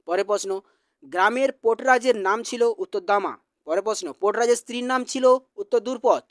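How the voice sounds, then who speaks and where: Guy with a high voice rattling off quiz q's and answers, dry close sound. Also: no echo. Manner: brisk, repetitive quiz reading. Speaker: teacher. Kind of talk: exam question-and-answer drill.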